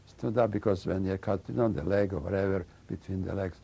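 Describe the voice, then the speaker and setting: An older man speaks in a low, gravelly voice with a dark, husky tone. He gives oral history testimony, halting and searching for his words. He keeps adding "you know" as he goes. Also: fairly even intonation. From Slovakia and Hungary. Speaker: interviewee recounting memories.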